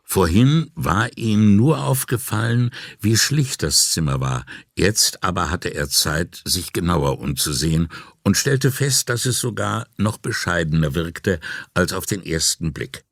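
A man with a deep, low voice reads an audiobook crime story in a measured, calm way. The recording is dry and close, made in a studio booth. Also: creaky, dry recording. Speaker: audiobook narrator. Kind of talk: scripted narration.

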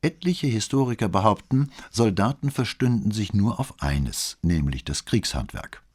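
Man doing a calm wry police commissioner, husky voice, lively intonation, audiobook figure. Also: on the low side, moderate pace, voice pushed up. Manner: calm, ironic and courteous.

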